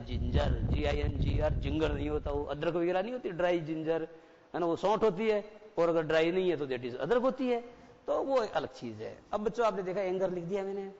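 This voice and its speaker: A man with a Rajasthani Hindi accent teaching an English lesson, asking his pupils questions and repeating the answers. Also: sits high. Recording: dull lo-fi broadcast sound with long reverb.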